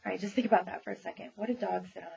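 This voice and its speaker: This public librarian speaks rapid-fire in a creaky, steady, medium-pitched voice while reviewing children's books in a relaxed way. Her talk is loose and full of fillers and frequent laughter, captured on a dull lo-fi recording with faint noise.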